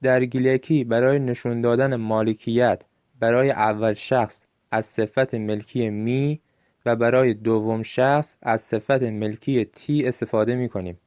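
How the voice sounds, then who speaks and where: Guy with a gilaki accent teaching a language lesson, says each phrase slow and clear so you can repeat it, middle pitch. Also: fairly even intonation, darkish tone.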